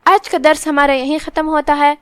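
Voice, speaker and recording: High-voiced woman teaching recitation rules. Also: fairly even intonation, a bit bright, no room sound. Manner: explains rules step by step, then recites slowly. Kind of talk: tajweed lesson.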